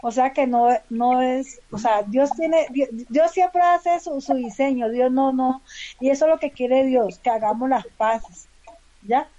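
A high-pitched female voice with a Valle del Cauca Colombian accent, heard over a dull, lo-fi connection. She is a community leader chatting in an interview, repeating words and correcting herself as she goes. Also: warm tone. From Palmira, Valle del Cauca, Colombia. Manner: halting, repeats words and self-corrects often. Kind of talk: casual conversational interview. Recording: dull lo-fi remote call.

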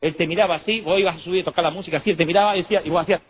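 A man's voice: high-pitched, very fast. A man in his thirties with an Argentine accent, preaching a humorous, digressive sermon to a conference crowd. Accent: Argentine Spanish. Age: 30s. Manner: animated, digressive storytelling. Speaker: pastor. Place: conference hall. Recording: tinny lo-fi recording with faint noise.

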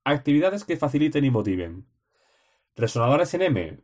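A man reads out study notes at a middle pitch. He works through terse headings and short lists, one item after another, like someone revising for an exam. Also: sing-song, moderate pace, darkish tone. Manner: clipped list-like reading, terse headings. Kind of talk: reading study notes aloud.

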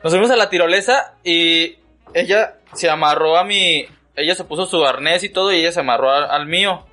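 A fairly quick, bright, forceful man with a rather high voice and a Mexican Spanish accent co-hosts a podcast, animatedly telling a story while cursing and laughing. It's a casual chat among friends, with faint music in the background.

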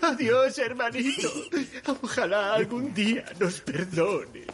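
A man's voice: very high voice, animated, slow pace, fairly bright tone, slight background noise, exaggerated voice. A man voicing a fawning, falsely contrite cartoon brother with whiny, syrupy pleading. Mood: mock contrite. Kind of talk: cartoon film acting.

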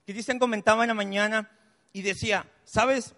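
A man's voice: high-pitched, fairly even intonation, normal speed, bright, forceful tone. A man, preaching a sermon in a chatty, story-telling way from the pulpit of a church. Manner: conversational preaching, chatty asides and personal stories. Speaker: pastor. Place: church hall. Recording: long church-hall reverb.

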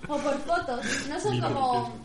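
A woman's voice: high voice, a little slow, roomy sound, a crowd in the background. A young Spanish woman co-hosting a university radio show, chatting and teasing with laughter. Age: young adult. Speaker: radio co-host. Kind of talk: casual radio banter.

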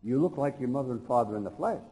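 A man preaching in English in short, folksy phrases, pausing after each one so an interpreter can translate, with jokes and plain stories along the way. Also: mid-range voice, animated, warm tone, rough recording. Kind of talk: sermon with line-by-line interpretation.

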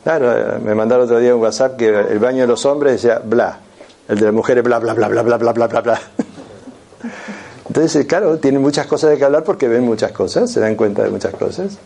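Man, lecturer, husky gravelly voice, explanatory tone. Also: medium pitch, brisk, warm tone. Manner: explanatory, addresses the audience directly with frequent asides. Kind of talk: classroom lecture.

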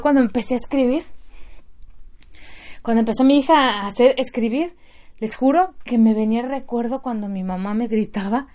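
Middle-aged woman, fairly high voice, earnest motivational talk to mothers, chatty with the room. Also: a little mellow. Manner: earnest, conversational, checks in with the audience. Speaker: speaker addressing mothers.

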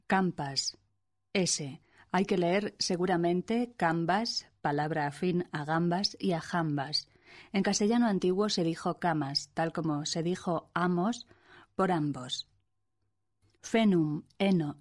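Slow, measured woman reading word lists. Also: on the low side, darkish tone. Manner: measured, methodical, listing words one by one. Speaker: lecturer on medieval glosses. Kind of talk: read-aloud philology lesson.

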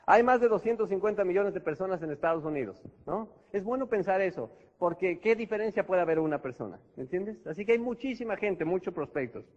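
A man's voice: high-pitched, expressive, a little fast, hardly any pauses. A man giving a motivational seminar talk as a network marketing trainer, chatting with constant tag questions and acting out examples. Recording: echoey hall, dull lo-fi sound.

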